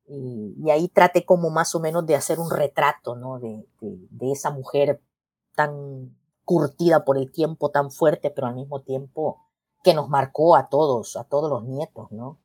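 A middle-aged woman from El Salvador chats as an interview guest. Her voice sits low and the sound is dry and close. She talks thoughtfully, backing up to rephrase and checking in with the listener. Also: moderate pace, a little mellow, no room sound. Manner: thoughtful, with frequent restarts and "¿no?" tags. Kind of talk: casual interview conversation.

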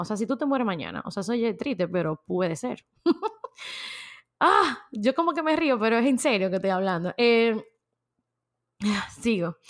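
A woman with a Dominican accent hosting a motivational podcast. She talks in an emphatic, conversational way, leans on filler words and laughs often. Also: a little high. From Dominican Republic. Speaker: podcast host.

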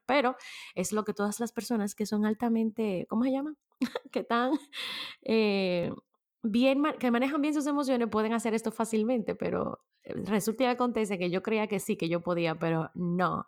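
A woman talks through a casual self-help podcast episode. Her delivery is chatty and loose, full of slang and quick laughs. Her pitch sits in a middle range for a woman. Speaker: podcast host.

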